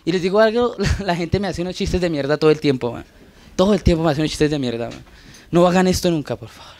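A man's voice: a little high, fast, darkish tone. A man with a Colombian accent doing a crude, profane, self-mocking stand-up routine on a bar stage. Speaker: stand-up comedian. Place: bar stage before a live audience. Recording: live bar set with crowd laughter and noise.

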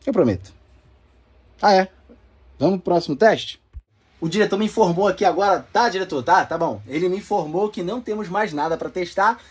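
Slightly rough and expressive, his mid-range voice moves a little fast. As host of a gaming video channel, he uses a Brazilian accent and a loose, playful manner, walking viewers through hands-on console testing in slangy language.

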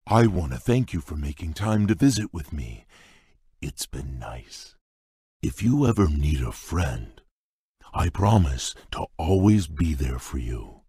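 An actor playing a shy, gentle male beast prince in a game, talking in a halting, bashful way with a husky, rumbling voice. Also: sing-song, no echo, clean studio sound, exaggerated voice. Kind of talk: game voice clips.

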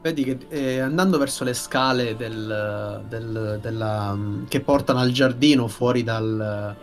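A young man narrating a tabletop game as game master, halting as he searches for words. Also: mid-range voice. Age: young adult. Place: indoor room, online group stream.

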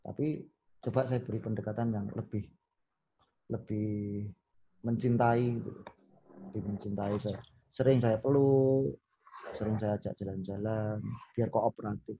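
Man, podcast guest, animated storyteller, warm dark tone, slightly muffled sound. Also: lowish voice, measured pace, long pauses, slight background noise. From Solo, Central Java. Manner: animated storyteller who acts out quoted lines. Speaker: podcast guest, business owner. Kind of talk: casual podcast chat.

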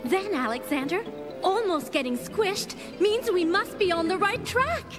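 A woman's voice: very high-pitched, expressive, unhurried. A woman voicing a plucky, confident female mouse adventurer in a cartoon. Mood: eager, confident. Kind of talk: cartoon voice acting. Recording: loud music behind.

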